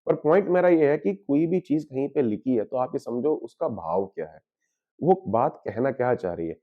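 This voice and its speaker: A man's voice: mid-range voice, expressive, moderate pace, narrow, tinny audio. A man, an astrologer, giving an explanatory spiritual talk. He mixes English terms into his speech and often poses questions and answers them himself. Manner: switches freely between Hindi and English.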